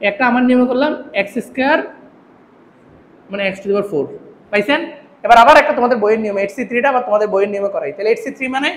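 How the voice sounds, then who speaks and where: Racing through a math lecture, a man with a very high, fairly bright voice keeps putting questions to his students. The classroom is echoey, with a faint hum in the background.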